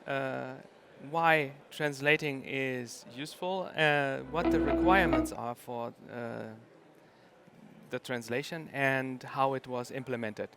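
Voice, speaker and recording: A man's voice: mid-range voice, fairly even intonation, slow pace, background noise. A middle-aged man from Germany, giving a conference talk and hesitating often with ums and uhs. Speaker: conference speaker.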